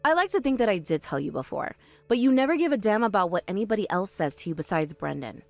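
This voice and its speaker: A woman voicing a calm, sharp-tongued young woman in an animated story, speaking firmly and with dry exasperation. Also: medium pitch, quick pace, gravelly, no room sound, faint music behind.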